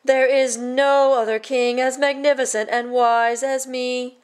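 A woman voicing a greedy, boastful king in a storybook, with drawn-out, commanding delivery. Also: sits high, level tone, smooth, pitched above the performer's own voice. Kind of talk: storybook read-aloud.

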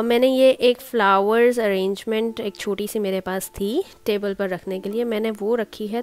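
A woman's voice: medium pitch, clear, resonant tone. A woman casually walking through a home table-setting demonstration, talking step by step and mixing in English words. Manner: chatty, explains step by step, mixes in English words. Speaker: home cooking channel host.

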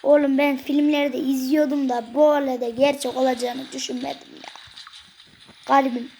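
A gaming video creator giving excitable gameplay commentary, cursing and joking at the game characters. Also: sits high, moderate pace, a little hiss or hum.

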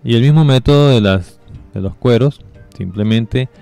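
Mellow man narrating a game walkthrough. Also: medium pitch, moderate pace, gravelly, soft background music. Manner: relaxed, step-by-step explaining with fillers. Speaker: gameplay guide narrator. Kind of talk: casual game walkthrough commentary.

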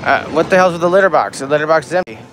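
A man's voice: a little high, expressive, rapid-fire, rough recording. A man live-streaming slot play with casual, profane, teasing banter. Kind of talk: casual live-stream chat while gambling. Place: busy casino floor. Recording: loud casino music and machine din.

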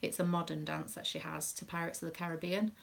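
This UK dance mum, who streams crafts live, talks quickly in a fairly low, gravelly voice with little movement in pitch. Proud of her child, she keeps the chat loose and rambling, peppered with ums.

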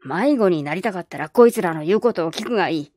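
A woman voicing a gruff kindly old man. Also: fairly low pitch, lively intonation, quick pace, a little mellow, no room sound, clean studio sound, pitched below the performer's own voice. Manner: gruff, blunt, folksy speech.

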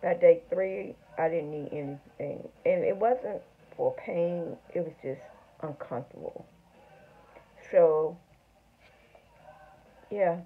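A middle-aged woman speaking without her front teeth, chatting haltingly to camera in a casual video diary. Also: on the low side, breathy edge. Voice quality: toothless speech, front teeth missing. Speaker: vlogger. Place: small home room, indoors. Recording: tinny, phone-like narrow sound.

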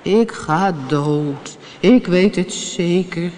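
A woman voicing a sick male whale who moans slowly in a storybook reading. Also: lowish voice, a little mellow, in a large hall, slight background noise. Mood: queasy moaning. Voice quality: slow, groaning.

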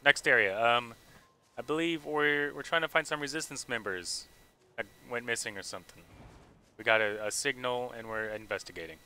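Bright-voiced man rambling over gameplay. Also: medium pitch, normal speed, clean tone. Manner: rambling, thinking aloud with many fillers. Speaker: game streamer. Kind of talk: casual live gameplay commentary.

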